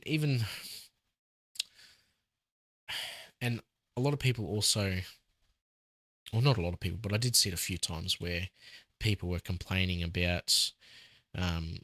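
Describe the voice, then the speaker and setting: A man's voice: low voice, sharp tone, no echo. A man co-hosting a casual chat, talkative and hedging, now and then acting out quotes. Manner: chatty, hedging, acts out quotes from scenes. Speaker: podcast co-host.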